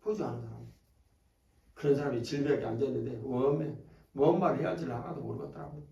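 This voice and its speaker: A pastor with a Jeolla Korean accent preaches at a revival meeting, folksy and joking as he teases the congregation. His medium-pitched voice is fast, gravelly and dark. It's caught off-mic in an echoey church sanctuary, giving a distant, lo-fi sound.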